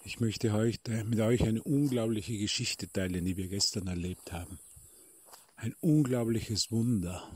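Husky, low-voiced man telling a spiritual story. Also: measured pace. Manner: warm storytelling, addressing listeners as dear ones. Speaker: spiritual teacher. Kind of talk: spoken devotional talk. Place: retreat in Tuscany. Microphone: phone voice message.

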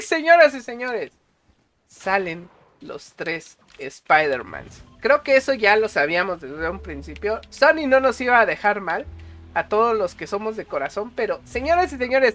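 A man with a Mexican accent reviewing a movie on a casual stream, excitable and full of slang and swearing. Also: very high-pitched.

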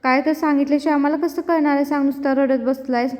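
A woman voicing a calm older family father in a TV serial, speaking slowly and coaxingly. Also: sits high, big-room sound, close to an everyday voice.

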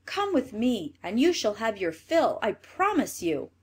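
A woman's voice: a little high, very animated, a little slow, husky, exaggerated voice. A woman reading a simple, friendly young man. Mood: reassuring. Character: simple good-natured young man, eager to help.

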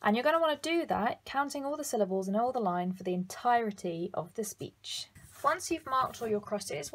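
A young woman explaining a method step by step, in quick, repetitive instructional phrasing. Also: a little high, slight background noise. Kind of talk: step-by-step demonstration.

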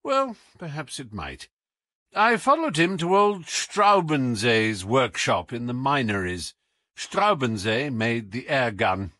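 This audiobook narrator, a man of medium pitch, plays a brilliant, imperious and whimsical English detective with a British accent, slowly and very animatedly. The tone is a bit bright, theatrical and wry. Clean studio audio with no echo.

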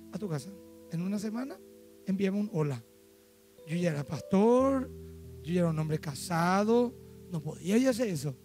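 A middle-aged man with a Paraguayan Spanish accent, preaching a sermon that tells stories from his own life, moving from hushed asides to loud, emphatic declarations. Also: sits high. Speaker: pastor. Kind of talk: sermon with acted-out anecdotes.

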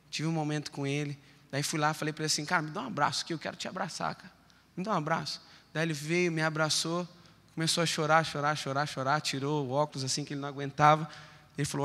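A man's voice: fairly high pitch, pushed and bright. A young man preaching a sermon in a church, telling a story and repeating words for emphasis. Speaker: pastor. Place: church sanctuary. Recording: echoey church hall.

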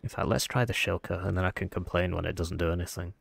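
A man with a croaky, froggy voice, sounding unwell, giving casual game commentary as he thinks aloud. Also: sits low, fairly even intonation, quick pace, no echo. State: under the weather, sick voice. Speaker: gaming video host.

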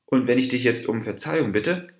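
A man's voice: medium pitch, brisk, pitched above the performer's own voice, natural voice. A man doing a sly trickster monkey. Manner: wheedling, mock-friendly. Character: sly scheming male monkey, fable trickster. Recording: roomy echo.

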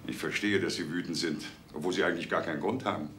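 An actor playing a senior police chief, speaking in a formal, gruff way. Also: male voice, low-pitched, steady tone, quick pace, a bit bright, slight background noise. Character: senior police chief, older man, stiff. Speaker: criminal director.

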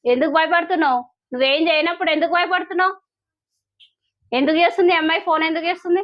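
A woman's voice: very high voice, steady tone, rapid-fire, no room sound, lo-fi sound. A woman with a Telangana accent playing an angry, suspicious wife in a comedy skit, firing accusing questions. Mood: furious. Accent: Telangana Telugu.

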